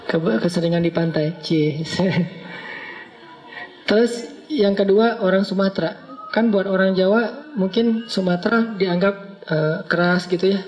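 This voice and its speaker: Animated man preaching casually. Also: sits high. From Aceh, Indonesia. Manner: animated, humorous, laughs as he talks. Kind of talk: casual storytelling sermon.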